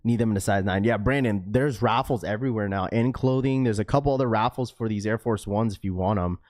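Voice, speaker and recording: A laid-back man with a lowish, slightly mellow voice talks fast while hosting a livestream and reading chat, peppering his casual banter with "bro," "dude" and "like." He's from Washington state, somewhere between young adult and middle-aged, and has a school-age daughter. The audio is studio quality with no room sound.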